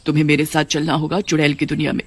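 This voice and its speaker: Brief: gracious cartoon witch queen, a woman putting her on, calm and regal, dry recording. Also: deep voice, rapid-fire, husky, dry recording, voice pushed down.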